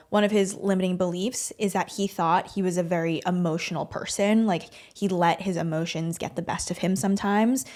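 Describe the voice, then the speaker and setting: Animated, teasing woman podcast co-host. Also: fairly low pitch. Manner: animated, teasing, fast filler-heavy talk. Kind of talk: casual chat.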